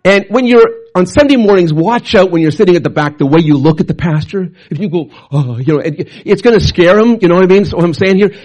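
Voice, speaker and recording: A middle-aged man, a pastor telling stories in an excitable, animated sermon. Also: fast, hardly any pauses. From Canada. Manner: animated, excitable, jumps up and down in pitch. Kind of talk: storytelling sermon.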